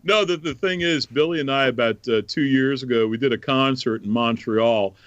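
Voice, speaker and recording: A man hosting a podcast in casual chat, telling stories in an animated way. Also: medium pitch, normal speed, dry recording, highs cut off. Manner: animated storyteller. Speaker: podcast host.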